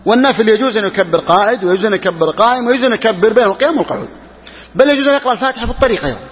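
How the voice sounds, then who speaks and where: A man teaching religious law as a sheikh, who talks quickly and repeats key phrases for emphasis. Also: high voice, lively intonation, long reverb tail, highs cut off. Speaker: sheikh teaching Hanbali jurisprudence. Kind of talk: religious lesson explaining a text.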